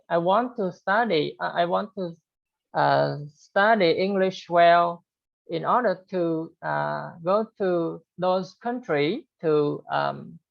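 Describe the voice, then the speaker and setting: Speaking to an English learners' group online, this Khmer-speaking man is slow and halting, filling gaps with pauses and fillers. His creaky voice sits a little high, and the informal talk comes through in dull, low-quality audio.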